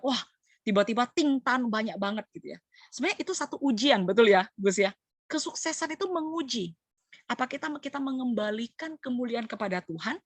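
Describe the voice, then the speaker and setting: A middle-aged woman preaches to her church cell group in a lively, chatty way, slipping into slang and bits of English. Her voice sits fairly high, and the recording is dry and close with no room sound. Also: no room sound. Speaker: cell group leader sharing a sermon.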